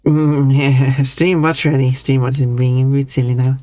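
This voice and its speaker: A streamer with a Swedish accent, chatting casually on a live stream in a rambling, halting way with frequent giggles. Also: medium pitch, flat delivery, dark tone, no echo, soft background music.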